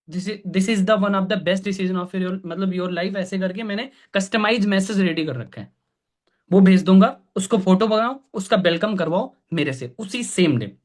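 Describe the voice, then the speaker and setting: A man coaching a group in an online training session, often checking that they follow and clearing his throat now and then. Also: sits high, fairly bright tone. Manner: coaching, repeats "ठीक है?" to check understanding. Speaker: sales trainer.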